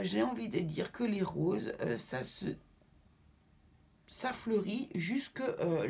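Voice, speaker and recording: A woman reads tarot cards for the people watching her channel. She speaks reassuringly and keeps checking that her listeners are following. Her voice is husky and slightly breathy. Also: medium pitch. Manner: affectionate sign-offs to viewers. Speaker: tarot card reader. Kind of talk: tarot reading addressed to viewers.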